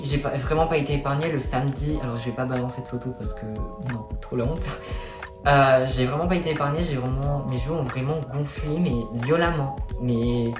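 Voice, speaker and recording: A young man talks casually to his viewers at a medium pitch. He tells his story in a colloquial, self-deprecating way. The room rings with noticeable echo, and music plays behind him. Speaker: vlogger. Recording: echoey room.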